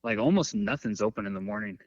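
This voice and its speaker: With lively intonation and a quick delivery, a man with a lowish voice chats as a podcast guest. He rambles through loosely told stories, using lots of fillers. The sound is dull, dry and lo-fi.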